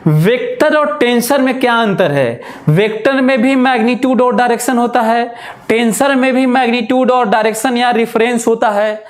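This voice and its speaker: A man teaching physics, listing terms slowly and repeating himself, with moral asides. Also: very high-pitched. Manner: slow, repetitive, lists terms aloud, drifts into moral asides. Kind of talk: classroom lecture.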